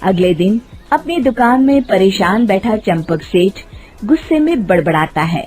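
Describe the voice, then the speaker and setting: A woman's voice: mid-range voice, animated, a little slow, darkish tone, slightly rough. A woman narrating a scripted moral story for children.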